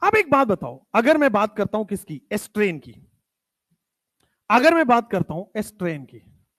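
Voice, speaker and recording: High-voiced, lively male chemistry teacher. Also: moderate pace, dry recording. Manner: emphatic, repeats key terms, drops pitch at definitions. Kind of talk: classroom lecture.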